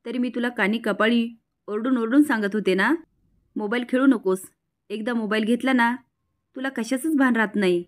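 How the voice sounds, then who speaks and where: A woman's voice: fairly high pitch, moderate pace, close to an everyday voice. A woman voicing an anxious scolding mother. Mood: reproaching.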